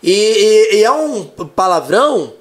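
A man who teaches, a guest in a casual live chat, telling stories in an animated way and swearing often. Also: high voice, slow pace.

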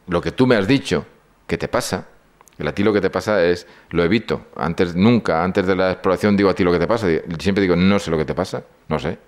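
An older man giving a lecture, telling stories and acting out the dialogue in them. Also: sits low. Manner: storytelling, acts out dialogue. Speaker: speaker on psychology and symbolism.

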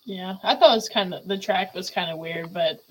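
This podcast host is a woman with a lowish voice who talks briskly and laughs a lot while posing questions in a casual, chatty conversation. The audio is poor, with slight background noise.

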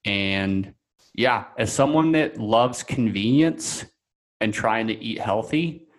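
A man's voice: on the low side, animated, slow. Chatty man rambling through fillers. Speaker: coaching client guest. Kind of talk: casual podcast conversation.

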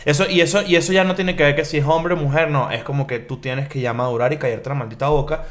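A man with a slightly high voice lays out blunt opinions. He talks crudely and directly in a relaxed podcast chat. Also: quick pace. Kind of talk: casual chat.

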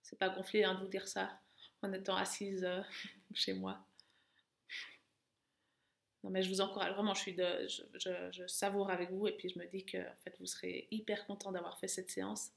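Woman running coach, bit of vocal fry, pushing you on and cheering you through intervals. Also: mid-range voice, level tone, moderate pace. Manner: urging, encouraging coach calling countdowns and commands. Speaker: running coach and podcast host. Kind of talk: guided interval-training coaching. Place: at home, indoors.

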